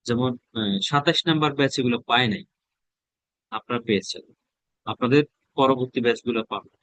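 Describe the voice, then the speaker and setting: Male English teacher from Bangladesh, mid pitch, dry close sound, drills question sentences slowly then translates. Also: fairly bright tone, dry recording, rough recording. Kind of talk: spoken English lesson.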